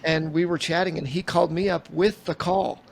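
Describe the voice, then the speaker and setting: A man's voice: fairly high pitch, fairly even intonation, normal speed, gravelly. A man in his forties co-hosting a podcast, chatting casually in a rambling way and slipping into quoted conversations. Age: 40s. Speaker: podcast co-host. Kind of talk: casual chat.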